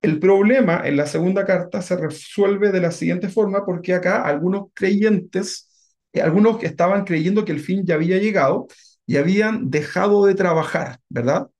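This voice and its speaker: A pastor teaching a Bible class in a relaxed, conversational way. His voice sits a little high for a man and has a gravelly, creaky edge. He keeps turning to the congregation with short tag questions. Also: moderate pace.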